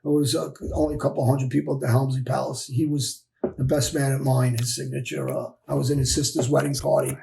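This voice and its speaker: A man's voice: mid-range voice, flat delivery, brisk, creaky, warm tone. A man, a former mob figure, telling his story candidly in an interview, blunt and emphatic, often repeating his phrases. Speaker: former mob enforcer guest.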